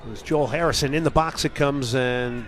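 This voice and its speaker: A man's voice: medium pitch, normal speed. A man doing live play-by-play commentary of a soccer match. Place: outdoor college soccer stadium broadcast. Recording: clear outdoor stadium ambience noise.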